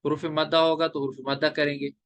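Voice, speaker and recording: A male teacher explaining recitation rules step by step, drawing out letters in slow chanted examples. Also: fairly high pitch, little pitch movement, fairly bright tone, dry recording, muffled recording. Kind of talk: classroom lecture on recitation rules.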